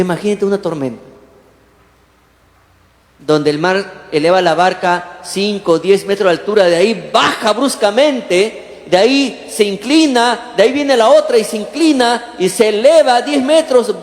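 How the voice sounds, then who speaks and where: A man preaches as pastor, his fairly high voice lively and full of questions thrown to the congregation. He acts out the lines he quotes. The church hall around him is roomy, with a long reverb trailing each phrase. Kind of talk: sermon.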